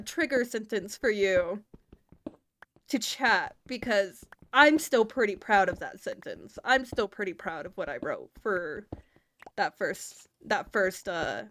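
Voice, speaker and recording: A woman's voice: mid-range voice, expressive, measured pace, fairly bright tone, slight background noise. Playful Southern woman streamer. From Southern United States. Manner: playful, laughs often, stumbles over words. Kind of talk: casual livestream chat.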